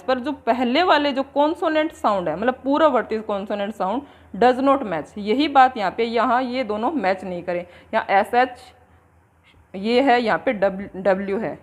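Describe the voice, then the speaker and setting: Indian woman teaching at a slow dictating pace. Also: on the high side. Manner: explains in Hindi mixed with English, slowly dictating definitions word by word. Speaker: English exam coaching teacher. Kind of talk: classroom lecture.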